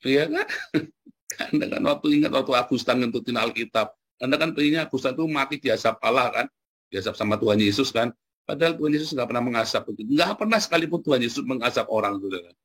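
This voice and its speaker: A man's voice: mid-range voice, fast, fairly bright tone, breathy edge. A male pastor giving a chatty sermon, often calling out to his listeners and chuckling. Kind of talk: conversational sermon.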